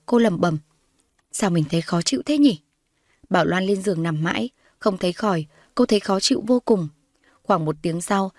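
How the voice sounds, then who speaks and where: A woman's voice: lowish voice, no room sound, studio quality. A woman reading a story aloud and voicing every character's lines herself. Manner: reads all the characters' lines in her own voice, rising when characters shout. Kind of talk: scripted narration with voiced dialogue.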